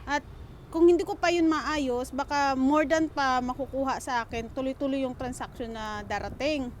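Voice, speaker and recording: A woman's voice: high voice, steady tone, moderate pace. A woman from the Philippines telling a story to her viewers in a casual, chatty vlog, mixing English words into her talk and calling the audience "guys.". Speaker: vlogger. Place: outdoors in the rain, waiting for a train. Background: rain, wind and passing vehicles.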